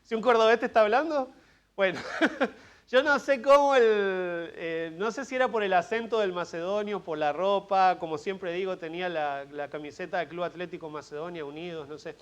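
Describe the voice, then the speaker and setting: A man's voice: high voice, moderate pace. A man with an Argentine accent preaching an expository sermon at a church service, conversational, with humorous asides and questions to the congregation. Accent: Argentine Spanish. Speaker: pastor.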